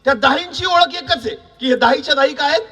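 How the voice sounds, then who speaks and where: A man preaching a sermon, quizzing the congregation with repeated questions and building to shouts. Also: very high-pitched, fast talker, recorded from a distance. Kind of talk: sermon with call-and-response.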